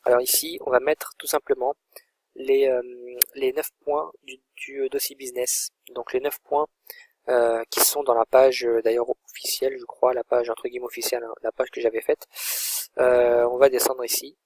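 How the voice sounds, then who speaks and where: Casual, husky-voiced man walking through software. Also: mid-range voice, little pitch movement, normal speed. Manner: informal, thinks aloud while clicking. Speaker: online course instructor. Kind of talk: screen-recorded software tutorial.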